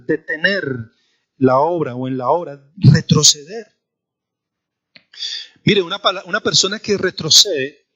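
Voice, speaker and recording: A man's voice: high-pitched, sharp tone, breathy edge. A man, a pastor preaching a sermon with an emphatic, repetitive cadence in church. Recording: dull lo-fi church recording.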